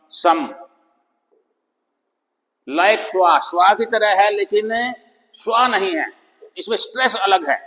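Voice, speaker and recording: A man teaching a phonics lesson, speaking slowly and deliberately, reading English headings aloud. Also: high voice, a bit bright. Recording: long echoing reverb.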